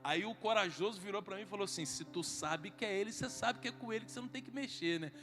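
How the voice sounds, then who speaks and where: A Brazilian man preaches in a very high, bright, forceful voice and acts out each character in his comic story. He is recorded in a large hall with a long echo, and soft music plays underneath. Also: fast talker. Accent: Brazilian Portuguese. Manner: animated storyteller acting out dialogue. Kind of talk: humorous sermon storytelling. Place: large hall at a men's congress. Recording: reverberant hall with faint music.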